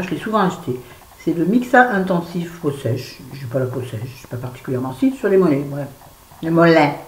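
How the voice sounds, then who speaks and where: A woman's voice: low voice, a little mellow, a little hiss or hum. A woman in her fifties talks straight to camera in a casual vlog, rambling from one thing to the next with blunt, self-mocking remarks. She sounds stressed and a bit irritable. The recording has an echoey room sound with faint background ambience. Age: 50s. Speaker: vlogger. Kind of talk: casual unboxing chat to camera.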